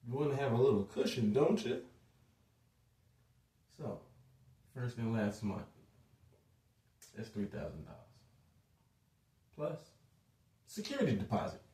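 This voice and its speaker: Man, casual lecture, mellow tone, conversational asides, echoey room, set back from the mic. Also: mid-range voice. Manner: conversational and loose, with many asides and fillers. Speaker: speaker giving a short lecture. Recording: roomy echo, distant from the mic.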